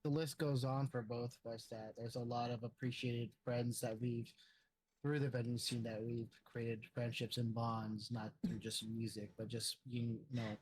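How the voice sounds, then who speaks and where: A man's voice: medium pitch, little pitch movement, moderate pace, darkish tone, a little hiss or hum, low-quality recording. A man, a DJ guest, talking in a rambling way with many fillers. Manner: rambling, filler-heavy, many "you know"s. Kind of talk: casual chat.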